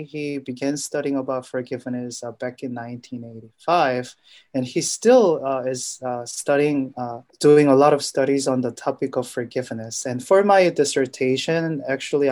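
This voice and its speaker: A middle-aged man from Korea with a Korean accent, a guest in an interview, talking hesitantly with many filler pauses. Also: mid-range voice, a little mellow. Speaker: guest, forgiveness researcher and professor. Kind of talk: interview conversation.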